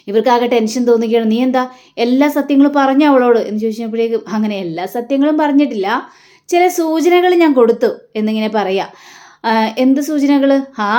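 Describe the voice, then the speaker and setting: A woman's voice: fairly high pitch, a little mellow. A woman recapping a TV serial episode, retelling the characters' dialogue in her own voice. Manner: retells dialogue in quotes without changing voice much. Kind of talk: storytelling recap of a TV serial, voicing the lines.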